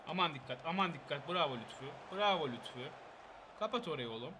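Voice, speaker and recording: A young man giving excitable live gameplay commentary, urging on and scolding his players. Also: on the high side, brisk, noisy background. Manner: excitable, shouts at players, bursts of laughter. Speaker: gaming channel host.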